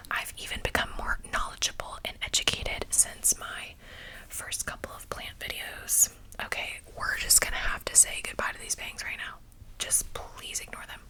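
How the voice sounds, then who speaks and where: Whispering young woman, chatty vlog. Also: low-quality recording. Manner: whispering throughout, chatty and rambling with many fillers. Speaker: vlogger. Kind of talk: whispered casual vlog chat.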